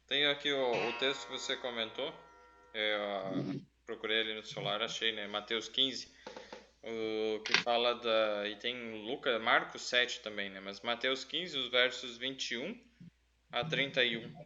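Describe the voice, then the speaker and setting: A man's voice: mid-range voice, steady tone, unhurried, pushed and bright, dull audio, slight background noise. A man leading a Bible study, reading scripture aloud and explaining it step by step, often checking in with "né?". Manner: thoughtful, explains step by step with frequent "né?".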